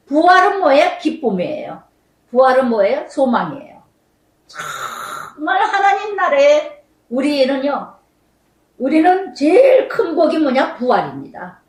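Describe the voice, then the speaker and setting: A middle-aged woman pastor preaching a sermon, emphatic, repeating phrases and swinging between loud and soft. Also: sits high, reverberant, recorded from a distance, rough recording.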